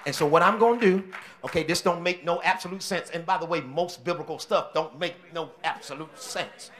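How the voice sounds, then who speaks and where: A man preaching a sermon as senior pastor, with call-and-response shouting bursts and quieter stretches. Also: fairly high pitch, brisk. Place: church.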